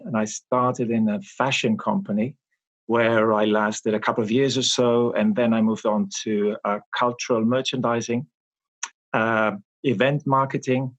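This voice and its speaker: A man in his forties, from Austria, answering interview questions about his marketing work in a measured, explanatory way with frequent pauses. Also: mid-range voice, flat delivery. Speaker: guest, marketing expert. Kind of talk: interview conversation.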